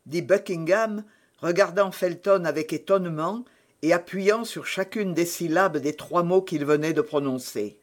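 Male audiobook narrator, high voice, unhurried, measured. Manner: measured, deliberate storytelling. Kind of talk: audiobook narration of a classic novel.

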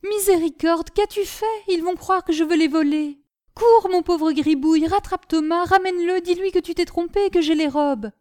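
A woman's voice: very high voice, moderate pace, darkish tone, voice pushed up. A woman reading aloud, voicing an anxious poor young woman who urgently sends her brother to fix a mistake. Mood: alarmed. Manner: alarmed, pleading.

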